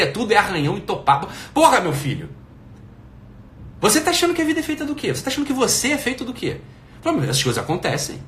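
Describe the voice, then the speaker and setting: A man's voice: on the high side, a bit bright, slight background noise. A middle-aged man giving an emphatic, profane motivational talk, firing off rhetorical questions. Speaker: motivational speaker.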